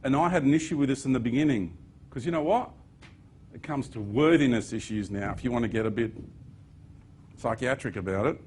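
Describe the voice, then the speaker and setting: A man's voice: mid-range voice, lively intonation, brisk, pauses often, a little mellow, slight background noise. A man giving an earnest spiritual talk to an audience, with sudden emphatic bursts. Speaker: speaker.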